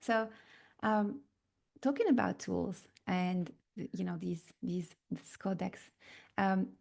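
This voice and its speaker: Woman from North Africa, spiritual teacher, mid-pitched, mellow tone, unhurried and searching delivery. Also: creaky. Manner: slow and searching, with many fillers and pauses. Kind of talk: reflective spiritual talk.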